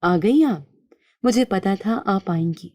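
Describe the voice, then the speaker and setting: A woman voicing a grieving young mother in a spoken storybook, speaking with soft, earnest pleading. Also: mid-range voice, expressive, no room sound, clean studio sound, natural voice. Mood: urgent.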